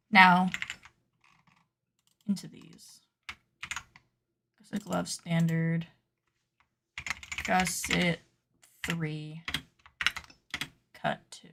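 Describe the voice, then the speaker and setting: Woman, casual livestream chatter, mock-dramatic, gravelly fry, faint keyboard clicks behind. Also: lowish voice, steady tone, drawn-out words, long pauses, noisy background. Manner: playfully dramatic, scolds her sewing patterns aloud. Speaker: cosplay pattern maker and streamer. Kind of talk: casual livestream chat while working at a computer.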